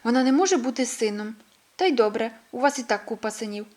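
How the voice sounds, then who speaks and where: A woman's voice: a little high, expressive, quick pace, a little mellow, close to an everyday voice. A woman voicing a cheerful young female animal in a children's storybook reading, in a playful, teasing tone.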